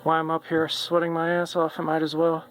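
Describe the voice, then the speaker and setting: A man's voice: a little high, a little fast. Rambling man narrating a home-repair vlog. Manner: relaxed, rambling, lots of ums and uhs, swears casually. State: losing his voice. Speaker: homeowner vlogger.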